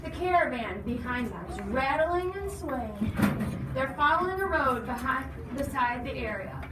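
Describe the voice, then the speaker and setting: This high, expressive female voice moves at a moderate pace through an animated storybook reading, with asides to explain and ask questions. The recording sounds distant, noisy, and reverberant.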